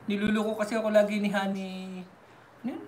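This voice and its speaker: A woman from the Philippines chatting casually as a vlogger, laughing often and giving shout-outs. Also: mid-range voice, level tone, quick pace, a little hiss or hum.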